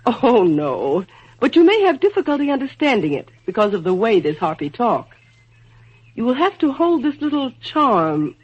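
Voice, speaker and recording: A woman's voice: on the high side, very animated, husky. An actress playing a busy, scatterbrained, motherly nature spirit in a theatrical 1940s radio drama. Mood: kindly fussy. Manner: theatrical, brisk, fussy. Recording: dull lo-fi old radio recording.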